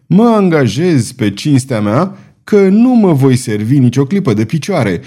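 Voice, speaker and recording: Un bărbat jucând un spadasin trufaș și batjocoritor. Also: male voice, mid-range voice, sing-song, mellow. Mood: boastful. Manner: boastful, taunting, triumphant. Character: proud, mocking adult male swordsman, fortress governor.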